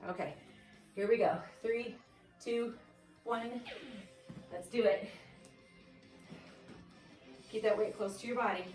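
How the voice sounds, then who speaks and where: A woman's voice: fairly high pitch, fairly even intonation, takes it slowly, pauses often, a little mellow. A woman fitness instructor leading a dumbbell workout, giving upbeat cues and countdowns. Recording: echoey room, mic at a distance, faint music. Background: faint background music.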